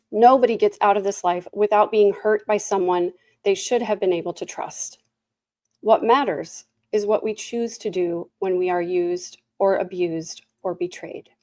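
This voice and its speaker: A woman with a medium-pitched voice delivers a prepared victim statement. Her tone is a little dark and mellow, and the sound is fairly dry. She speaks solemnly and deliberately, leaning on repetition as she lays out accusations. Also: no room sound. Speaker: person giving a victim impact statement. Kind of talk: prepared statement read aloud.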